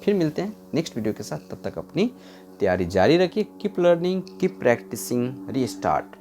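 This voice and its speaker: An Indian man teaching poetry meter, slowly counting out stressed and unstressed syllables. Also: fairly high pitch, sing-song, mellow, a little hiss or hum.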